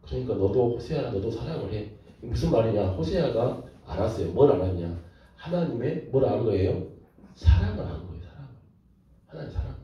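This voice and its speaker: Animated male pastor in an echoey room. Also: medium pitch, brisk. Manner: animated, rhetorical questions to the audience. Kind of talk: sermon lecture. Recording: echoey room from far off, dull lo-fi.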